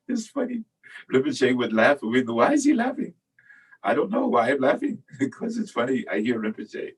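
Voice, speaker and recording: A man giving a calm, meditative Buddhist teaching, guiding listeners with pauses. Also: lowish voice, slightly rough. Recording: distant mic with faint ambient noise.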